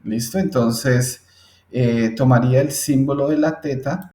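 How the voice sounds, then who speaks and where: A man's voice: medium pitch, fairly even intonation, unhurried, dark tone. A man teaching a step-by-step lesson, patiently explaining and often checking in with his listeners. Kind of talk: screen-recorded English phonetics lesson. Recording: roomy echo.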